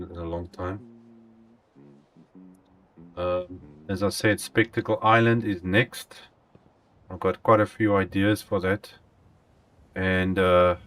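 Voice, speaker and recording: Man, very low voice, casual stream commentary, rambling, restarts a lot. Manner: rambling, thinks aloud, halting restarts. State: out of breath. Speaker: gaming live streamer.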